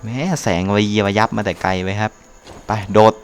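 A man giving casual let's-play commentary, excitable, with quick exclamations and playful jokes. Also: fairly low pitch, a little hiss or hum. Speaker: gameplay commentator.

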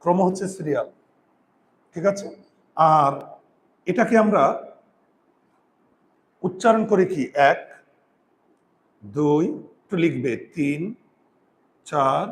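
A male grammar teacher giving a lesson, repeating key terms slowly, counting aloud and telling students to write things down. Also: on the high side. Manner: counts aloud and asks rhetorical check questions. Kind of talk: classroom-style grammar lesson.

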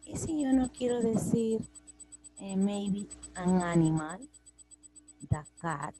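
A woman's voice: medium pitch, expressive, slow, mellow, slight background noise, rough recording. A woman teaching English grammar, patiently repeating each example in both languages. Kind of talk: slow classroom explanation, mixing Spanish and English.

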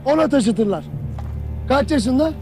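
A stern, harsh army commander berates his soldiers in a very high voice in a television drama. He scolds in a cutting tone, and faint music runs beneath him. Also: expressive, measured pace, dark tone, heavily acted.

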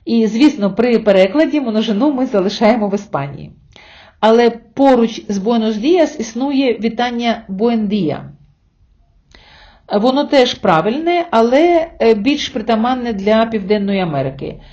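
A woman giving a spoken language lesson, often calling her listeners friends and saying example words slowly and carefully. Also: a little high, lively intonation, dark tone, dull audio. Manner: addresses listeners as friends, with hesitation fillers. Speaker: Spanish language teacher.

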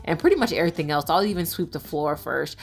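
Low-voiced woman chatting through a vlog. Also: lively intonation, fast talker, gravelly. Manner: chatty, many "um" fillers. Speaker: vlogger, mother. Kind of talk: casual voice-over vlog narration.

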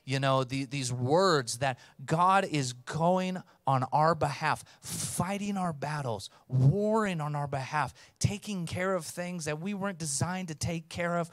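A man's voice: fairly high pitch, a little slow, hardly any pauses, no room sound. A man in his thirties preaching a sermon as pastor, speaking emphatically into a handheld mic on a church stage and calling out to the congregation. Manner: emphatic, rising to loud calls for response. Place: church stage with blue lighting. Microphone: handheld microphone.

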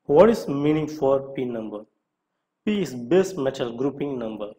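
Warm and animated, a mid-range male voice works through a scripted instructional lesson. He reads out each question and follows it deliberately with a brief answer.

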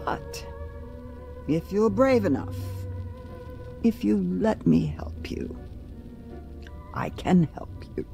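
Spooky old lady fortune teller from a video game, slow and mysterious, kinda coaxing, bit of music behind. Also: medium pitch, wildly swooping pitch, mellow, full character voice. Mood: ominous, coaxing. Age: older. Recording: music faintly underneath.

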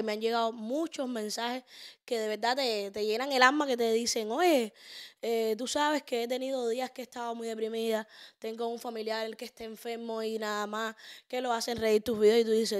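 High-voiced playful woman host. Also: fairly even intonation, smooth. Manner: playful, joking, quick-talking. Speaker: podcast host. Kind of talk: casual chat. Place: small studio room, indoors. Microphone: studio mic on stand.

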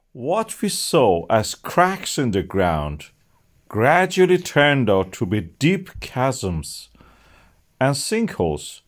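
A middle-aged man narrating a science explainer as channel host, with non-native phrasing and emphatic rises on key words. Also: medium pitch.

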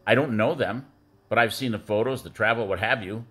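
Rambling middle-aged man, lowish voice. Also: fairly quick, sharp tone, breathy edge, faint music behind. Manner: rambling storytelling with many fillers. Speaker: former youth football coach. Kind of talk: birthday tribute speech.

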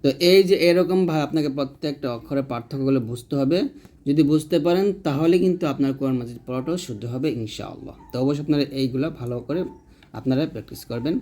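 A man teaching Quran reading in a recorded tutorial, stretching out letter drills slowly between brisker explanations. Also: medium pitch, warm tone. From Bangladesh.

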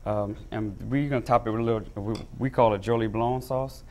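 A man's voice: medium pitch, fairly even intonation, fairly quick, darkish tone, slight background noise. A man in his thirties, a chef and restaurant owner, talking casually through a cooking demo on a morning TV show, with lots of ums and uhs. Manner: chatty, many ums and uhs. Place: TV studio kitchen set.

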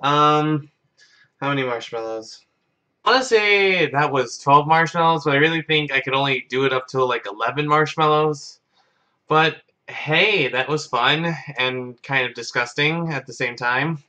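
Male vlogger, 20s, bright and slightly high voice, casual direct-to-camera chat. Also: moderate pace. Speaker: YouTube vlogger. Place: carpeted bedroom, indoors.

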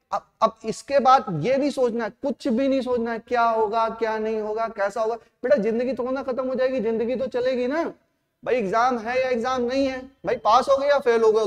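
A male coaching teacher giving a fatherly, repetitive motivational talk to his students in a classroom. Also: very high-pitched. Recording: echoey hall.

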